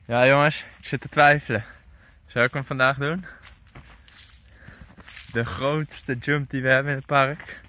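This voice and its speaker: A young man filming mountain bikers at an outdoor bike park, loudly cheering them on and chatting casually. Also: mid-range voice, fairly even intonation, unhurried, long pauses. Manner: loud cheering, egging riders on.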